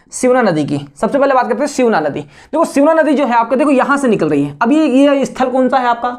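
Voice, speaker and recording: A man's voice: very high-pitched, darkish tone. A man gives an online exam-prep lecture. He keeps asking rhetorical questions, answers them himself, repeats key words and scolds his students bluntly. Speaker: exam coaching teacher.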